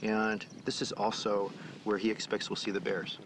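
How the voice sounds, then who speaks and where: A man's voice: on the low side, flat delivery, moderate pace. A man from a wildlife film crew talks casually through plans on location. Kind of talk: casual planning talk on location. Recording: clearly noisy location sound.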